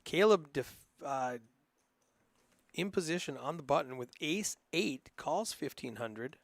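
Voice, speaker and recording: A man's voice: fairly high pitch, lively intonation, a little slow, vocal fry, no room sound. A man with a northern Minnesota accent giving casual, rambling play-by-play commentary on a live poker stream, with plenty of ums and uhs. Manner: casual, chatty, rambling with frequent fillers.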